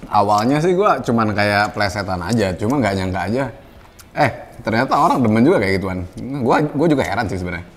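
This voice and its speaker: Laid-back low-voiced young man. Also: lively intonation, fairly quick. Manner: laid-back, hesitant, many fillers. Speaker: streamer guest. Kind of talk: casual chat.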